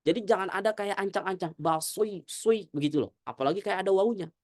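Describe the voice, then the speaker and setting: Male Quran teacher, slow demonstrations. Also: high voice, no room sound, studio quality. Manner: demonstrates Arabic sounds slowly, often checks "clear?". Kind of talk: tajwid lesson to a congregation.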